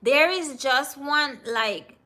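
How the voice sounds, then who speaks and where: A woman's voice: high-pitched, slow, sharp tone. A woman from Jamaica with a Jamaican accent, chatting casually with viewers on a livestream, teasing them and answering their comments. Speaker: livestream host.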